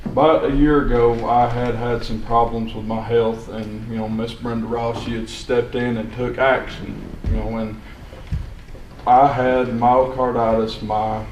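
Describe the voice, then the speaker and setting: A man's voice: medium pitch, little pitch movement, unhurried, darkish tone, highs cut off. A young man giving unscripted public comment at a county meeting, plain-spoken and rambling with restarts. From Sequatchie County, Tennessee. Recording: echoey hall, distant mic, faint hiss.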